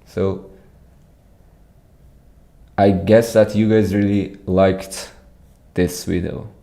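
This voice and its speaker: Extremely slow and level, his low voice is gravelly yet warm. He is a young man from Iran with an Iranian accent, casually chatting on a livestream and repeating words often while responding to viewers.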